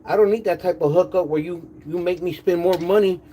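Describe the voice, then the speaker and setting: Man, slightly high voice, wet lisp from missing front teeth, halting casual car vlog chat, slangy with Spanish words. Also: fairly even intonation, dark tone, a little hiss or hum. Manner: halting, stammered repetitions with pauses to manage saliva; slangy, uses "homie" and "dog", drops in Spanish words. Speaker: car project vlogger. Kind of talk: casual livestream chat about car work.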